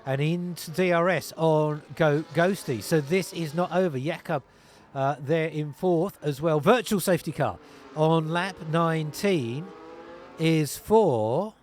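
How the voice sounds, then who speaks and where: A man calling an online sim racing league race, narrating positions, tyres and penalties in steady play-by-play over a headset. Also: on the high side, measured pace, a little hiss or hum. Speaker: lead commentator.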